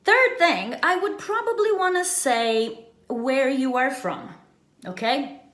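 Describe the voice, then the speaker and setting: A woman teaches an informal bilingual language lesson as an English teacher, frequently checking in with short tag questions. Her high-pitched, fairly bright voice has lively intonation, and she takes things slowly. The recording sounds echoey and roomy.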